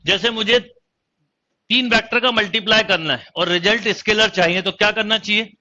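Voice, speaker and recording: A man's voice: high-pitched, normal speed, bright, forceful tone, highs cut off. A man teaching a math lesson online, explaining step by step and quizzing his students as he goes. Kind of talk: online exam-prep lecture.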